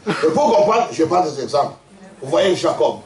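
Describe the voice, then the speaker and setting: Animated pastor in an echoey church. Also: male voice, fairly high pitch, normal speed, a crowd in the background. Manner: animated storytelling, laughing often, quizzing the congregation. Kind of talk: lively sermon. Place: church hall. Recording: echoey church hall, mic at a distance.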